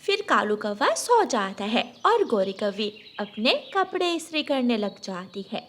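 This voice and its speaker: A woman narrating a children's cartoon story and voicing its characters in a lively way. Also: a little high, measured pace, a little hiss or hum. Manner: lively, defensive, chatty. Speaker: narrator and voices of several characters.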